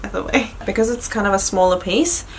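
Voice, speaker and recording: A woman's voice: mid-range voice, fairly quick, slight background noise. A woman beauty vlogger chatting informally as she explains a makeup tutorial step by step. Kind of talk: casual instructional chat.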